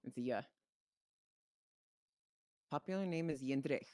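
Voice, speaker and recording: A native Czech speaker from the Czech Republic, a streamer playing a dispatcher in online roleplay, banters informally and animatedly, swearing freely. His mid-range voice is slow and a little mellow, recorded at studio quality with no echo.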